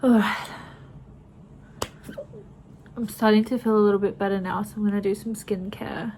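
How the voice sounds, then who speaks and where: A woman's voice: medium pitch, fairly even intonation, moderate pace, darkish tone, a little hiss or hum, rough recording. A young woman vlogging casually about her recovery, sounding sleepy and stuffy-nosed, rambling with lots of "like" and "um". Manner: chatty, rambling, frequent "like" and "um". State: stuffy, congested nose after surgery.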